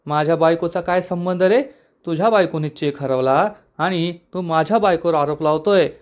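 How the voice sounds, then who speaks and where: A man's voice: a little high, moderate pace, lightly acted. A man doing a hot-headed young husband. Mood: angry. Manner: angry, protesting.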